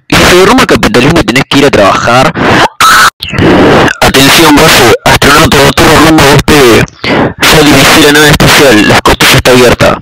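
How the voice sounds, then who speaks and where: A man with a Rioplatense Spanish accent voicing assorted comic cartoon characters in an exclamatory, bouncy cartoon style. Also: a little high. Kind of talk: animated cartoon dub voices. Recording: loud background noise.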